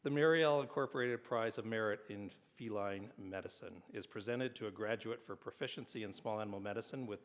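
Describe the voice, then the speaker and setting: A man presenting awards at a university ceremony, reading formal citations with the odd "uh" and a dry aside about himself. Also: on the low side. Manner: reads citations with filler "uh"s, adds dry self-deprecating asides. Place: large hall at a university convocation. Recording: long hall reverb.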